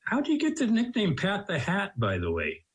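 A man's voice: sits high, wildly swooping pitch, normal speed, husky. An American man hosting a radio show with polished, dramatic presenter phrasing. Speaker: radio guest host. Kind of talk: scripted radio introduction and interview.

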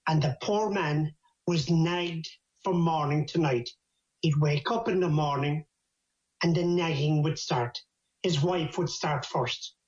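An older man with an Irish accent, a traditional storyteller with a lilting, unhurried delivery and dry wit. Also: fairly high pitch, a little mellow. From Ireland. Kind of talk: storytelling in conversation. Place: at home, over a video call. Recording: echoey, dull video-call audio.

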